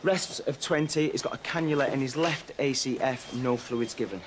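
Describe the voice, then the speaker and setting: A man playing a brisk, focused emergency medic in a medical drama, with a businesslike, clinical delivery. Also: mid-range voice, close to an everyday voice. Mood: brisk, urgent. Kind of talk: filmed medical drama acting. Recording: very noisy hospital scene ambience.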